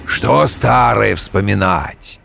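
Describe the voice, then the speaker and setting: A man voicing a hungry, treacherous male tiger in a storybook reading, with a gravelly growl and a slow menacing drawl. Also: lowish voice, bright, forceful tone, faint music behind, pitched below the performer's own voice, heavily acted.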